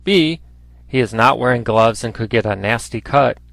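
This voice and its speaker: A man's voice: mid-range voice, normal speed, vocal fry, fairly bright tone, dry recording. A man reading scripted instructional narration in a formal, instructive manner. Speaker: training narrator.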